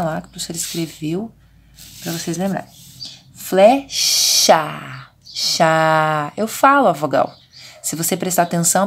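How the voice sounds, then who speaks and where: A woman's voice: lowish voice, a little mellow. A Brazilian woman teaching a remote lesson to young children, patiently stretching out syllables and vowels and checking in with short fillers. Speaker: preschool teacher.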